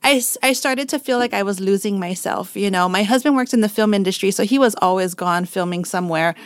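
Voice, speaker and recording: Casting note: woman, mid-forties, podcast guest, chatty and lively storyteller, clean crisp voice, dry close sound. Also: mid-range voice, a little fast, no room sound. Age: 40s. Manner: chatty and animated, laughs often, acts out past conversations. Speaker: podcast guest, portrait photographer. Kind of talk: casual interview storytelling.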